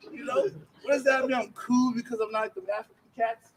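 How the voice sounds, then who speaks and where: A man's voice: very high voice, steady tone, quick pace. A man from Liberia doing freestyle stand-up at an open mic, loose and conversational. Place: outdoor bonfire event. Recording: distant mic with background noise.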